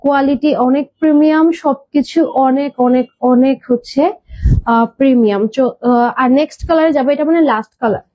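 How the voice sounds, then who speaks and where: A woman's voice: sits high, a little fast, warm tone, dry recording, poor audio. A woman hosting a live clothing sales stream, chatty, mixing in English words and hesitating with fillers and repeats. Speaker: online clothing seller.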